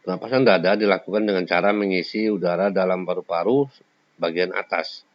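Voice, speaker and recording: A man's voice: deep voice, steady tone, fairly quick. A man teaching a school lesson, explaining each point in turn and sometimes singing short examples. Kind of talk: classroom lecture. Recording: slightly dull lo-fi sound.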